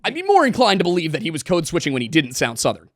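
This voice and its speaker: A man in his twenties co-hosting a podcast, chatting casually and joking, with quick asides. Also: fairly high pitch, wildly swooping pitch, dry recording, clean studio sound. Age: 20s. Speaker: podcast co-host.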